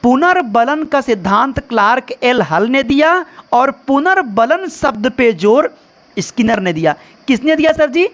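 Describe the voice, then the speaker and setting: A man's voice: very high-pitched, big pitch swings, a little slow, a bit bright, lo-fi sound. A male teacher giving an online exam-prep lesson, calling viewers friends and quizzing them with rhetorical questions.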